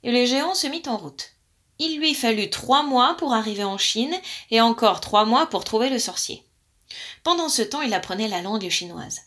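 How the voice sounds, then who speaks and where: Female storyteller, bright higher voice, playful read-aloud delivery. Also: animated, moderate pace.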